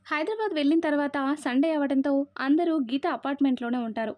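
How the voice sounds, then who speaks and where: A woman narrating a story in a steady storybook reading manner. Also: high voice, quick pace, no room sound. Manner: steady storybook reading, voices every character herself. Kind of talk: scripted narration. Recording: dry, slightly dull recording.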